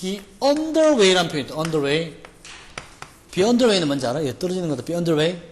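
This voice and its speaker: A fairly high-pitched male teacher from Gyeongsang, Korea, with the region's accent, lectures on English vocabulary at a measured pace and with big pitch swings. He jokes around and peppers the class with rhetorical questions; reverb and faint noise from the lecture hall are audible.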